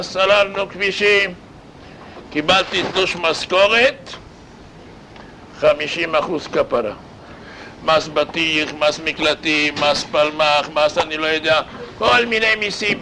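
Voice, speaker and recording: A man teaching students in a lively sermon-style lesson, weaving in jokes and speaking to them directly. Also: high-pitched, creaky, a little hiss or hum, poor audio. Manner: animated, addresses students directly. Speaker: religious teacher.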